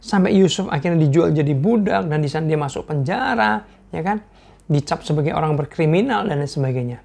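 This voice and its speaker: A man giving an informal sermon-style talk, earnest and repetitive for emphasis, asking his audience questions and clearing an irritated throat. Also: on the high side, lively intonation, a little fast, darkish tone.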